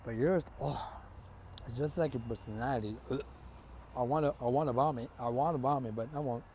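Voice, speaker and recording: A man's voice: mid-range voice, brisk, mellow, slight background noise, natural voice. A man voicing a cocky young male hero who mocks his rival in a fan story. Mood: taunting.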